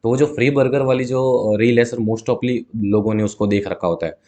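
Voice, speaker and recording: This burger seller, appearing as a guest in a relaxed interview, recounts a story in a mellow, mid-range voice at normal speed with fairly even intonation. He's animated, performs both sides of his conversations with customers, and sprinkles in English words.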